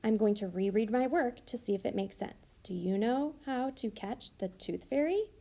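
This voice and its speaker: A woman teacher slowly modeling how to write sentences for young children, thinking aloud and sounding out each word. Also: on the high side, creaky, dark tone. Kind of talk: slow modeled writing demonstration.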